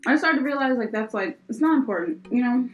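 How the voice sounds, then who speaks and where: A young woman from the US co-hosts a casual podcast, her slightly high voice rambling through fillers and breaking into frequent laughter. Faint music plays softly underneath. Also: expressive, fast talker, highs cut off. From United States. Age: young adult. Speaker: podcast co-host. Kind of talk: casual chat.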